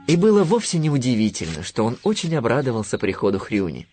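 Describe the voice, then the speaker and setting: A man narrating a children's audiobook in a lively, expressive storytelling manner. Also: medium pitch, brisk, soft background music.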